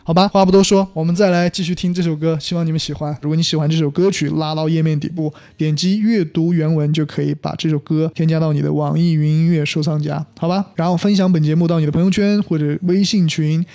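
A man hosting an English-learning podcast, explaining phrases in a relaxed, chatty way with casual asides. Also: fairly high pitch, fast talker, few pauses.

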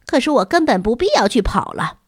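A rebellious schoolgirl with a cold boasts in confident, dreamy tones, voiced by a woman in a storybook. The voice is husky and swoops lively in pitch. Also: fairly quick, no echo, studio quality. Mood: boastful.

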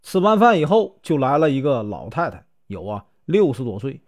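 A man telling a folk tale with a Northeastern Mandarin accent, chatty and full of drawn-out fillers. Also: medium pitch, very animated. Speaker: storyteller.

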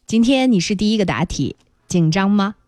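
A woman hosting a children's radio quiz, explaining things clearly and encouragingly. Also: medium pitch, expressive, moderate pace, darkish tone, no echo, clean studio sound. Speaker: quiz show host. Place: radio studio.

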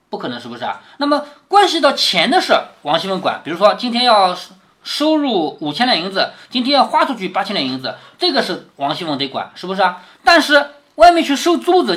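A man reading a classic novel aloud to his daughter and explaining it in plain words as he goes, often checking in with "isn't it?" and dropping low and soft on those questions. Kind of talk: explanatory read-aloud storytelling.

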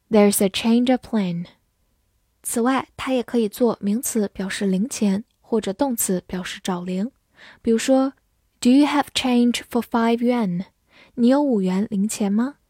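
A woman teaching English vocabulary, who spells words letter by letter and reads example sentences slowly. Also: medium pitch, mellow, husky, dry recording, studio quality. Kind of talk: vocabulary lesson.

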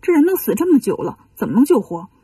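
A woman's voice: a little high, very animated, fast talker, dark tone, breathy edge, no room sound, studio quality, far from the mic. A woman voicing a cheeky, clever monkey hero who teases his companion, for a children's story. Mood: teasing.

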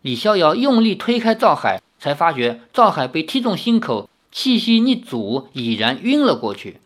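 A narrator reading a martial-arts novel aloud in an animated storytelling manner. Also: medium pitch, moderate pace. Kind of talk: audiobook reading of a wuxia novel.

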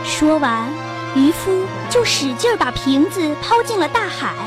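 A woman narrating a children's storybook in an expressive storytelling manner. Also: sits high, a little slow. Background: faint background music.

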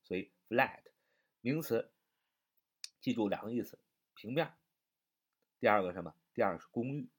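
A man's voice: lowish voice, expressive, moderate pace, pauses often, slightly rough. A man teaching a vocabulary lesson, spelling words out letter by letter and asking and answering his own questions.

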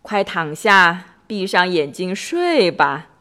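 A woman's voice: on the low side, takes it slowly, full character voice. A woman voicing a patient, sleepy male barnyard friend who soothes the little ones to sleep. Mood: sleepy calm. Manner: calm, soothing, yawning.

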